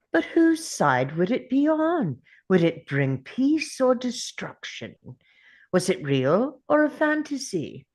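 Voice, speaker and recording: A performer plays a clever, brooding alien man who travels through time, in a sci-fi drama read. The delivery is slow and deliberate, with pitch that swings widely. The character ponders aloud theatrically. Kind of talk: dramatic script table read.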